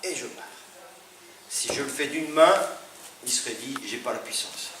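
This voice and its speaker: Demonstrating on a partner, a self-defense instructor walks through holds one step at a time in a mid-range voice at normal speed. The noisy audio comes from a distant microphone in a reverberant hall.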